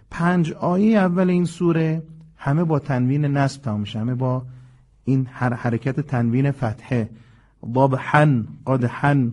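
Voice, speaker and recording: A man with a warm, mellow voice leads a broadcast memorization lesson. He slows right down over each verse, repeats words and points out common slips in pronunciation. His delivery is patient and methodical. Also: mid-range voice. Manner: slow, careful spelling-out of verses with corrections. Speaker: Quran memorization teacher.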